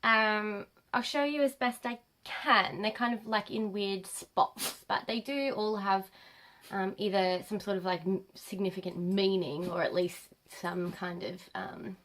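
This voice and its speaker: A woman in her late twenties, nasal from a cold, chatting to camera as a vlogger, rambling with many pauses and ums. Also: medium pitch, steady tone, a bit bright. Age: late 20s. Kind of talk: casual chat to camera.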